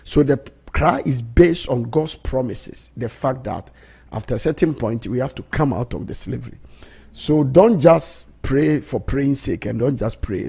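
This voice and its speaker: A man's voice: medium pitch, gravelly, dark tone, breathy edge. A middle-aged man, preaching as host of a prayer broadcast, emphatic and repeating key phrases, on a close studio mic. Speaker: pastor and prayer programme host. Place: small indoor radio studio. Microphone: close studio mic on boom arm, headphones.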